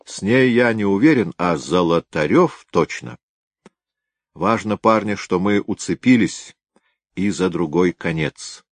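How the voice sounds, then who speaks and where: A seasoned senior detective, thoughtful and unhurried, in a deep low voice, as a male narrator gives him lines. Dry, close audiobook sound. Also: animated, no room sound. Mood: musing. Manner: musing, unhurried.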